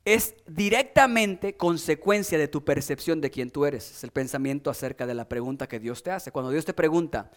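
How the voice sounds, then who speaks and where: A man preaching a sermon as pastor, building emphasis through repetition and dropping into soft, low asides. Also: normal speed, few pauses.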